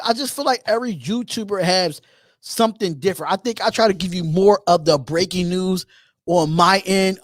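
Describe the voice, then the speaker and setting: A man in his thirties hosts a live call-in show alone, chatting casually, repeating phrases and pausing on drawn-out ums as he reads out chat comments. His voice is high, and the studio-quality recording is dry.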